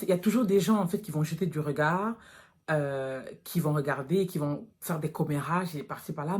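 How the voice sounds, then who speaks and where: A woman's voice: on the low side, darkish tone. Frank woman vlogger talking straight. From France. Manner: frank and direct, addressing viewers as girls. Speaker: natural hair vlogger. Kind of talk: casual vlog talk to viewers.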